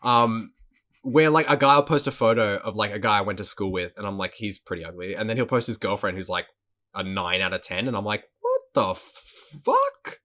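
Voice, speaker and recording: A man's voice: on the low side, a little fast, pushed and bright. Male podcast co-host, casual and profane, laughs a lot, stumbles over repeated words. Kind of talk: casual chat.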